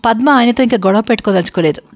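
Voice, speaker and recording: A woman narrating a family story for an online video in a calm, steady manner. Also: on the high side, very fast, muffled recording.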